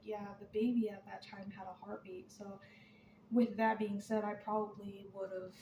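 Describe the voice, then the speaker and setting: Young woman rambling to her camera, soft mellow voice, a bit breathless, echoey room. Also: medium pitch, a little hiss or hum. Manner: rambling, candid, trailing off softly. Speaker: vlogger. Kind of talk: casual chat to camera.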